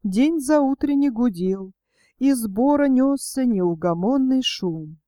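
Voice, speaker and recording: A woman narrating a story in an even, measured reading. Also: on the high side, dry recording, clean studio sound.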